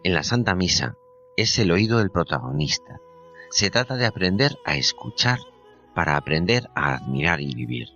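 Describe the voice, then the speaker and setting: A man co-hosting a radio program, reading a scripted spiritual reflection in a measured, solemn way. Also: low voice, huge pitch swings, pushed and bright, muffled recording, faint music behind. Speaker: radio co-host.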